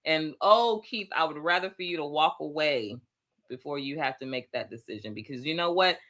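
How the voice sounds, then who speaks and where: A woman hosting a casual talk show, chatting in a slangy, animated way and reading out listener comments. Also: deep voice, normal speed. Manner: animated, slangy, acts out quoted friends. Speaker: host.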